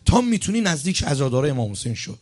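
A male preacher addresses a gathered congregation, urging them and giving instructions as he goes. His voice sits a little higher than most men's. He repeats key phrases to drive them home. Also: big pitch swings, darkish tone. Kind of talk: sermon with storytelling. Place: religious gathering hall.

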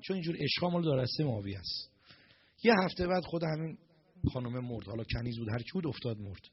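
A man giving a storytelling sermon as a preacher, animated and acting out the characters' lines in dialogue. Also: mid-range voice, breathy edge, no room sound, dull audio.

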